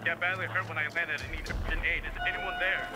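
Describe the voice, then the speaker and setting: A man's voice: a little high, fairly even intonation, normal speed, bright, forceful tone, soft background music. An actor playing an injured male pilot sending a distress call over a marine radio, clipped and urgent. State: hurt and urgent. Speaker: game character. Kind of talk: video game voice acting.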